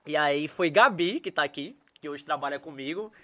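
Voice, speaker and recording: A man's voice: on the high side, normal speed. A young man, telling a funny story as a podcast guest and acting out the voices in it. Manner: animated, acts out quoted voices, laughs while telling. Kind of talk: casual storytelling.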